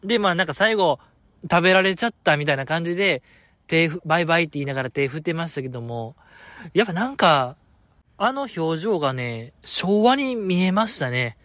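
A fairly high-voiced man with a Kansai accent carries a solo podcast in a loose, chatty monologue. His pitch swings widely as he jokes and wanders between tangents. The sound is close and dry, with no room around it. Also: a little fast, no echo. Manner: chatty, animated, laughs often, digresses. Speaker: podcast host. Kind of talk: casual solo podcast chat.

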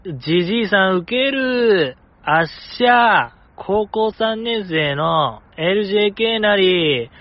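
A man voicing a cheeky teenage gal schoolgirl in a slow, drawling, gal-style reading. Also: high voice, expressive, dry recording, highs cut off. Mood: teasing.

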